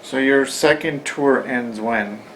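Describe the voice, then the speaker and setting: A man's voice: mid-range voice, slow pace, fairly bright tone, slight background noise, poor audio. A man asking short, plain questions as an interviewer.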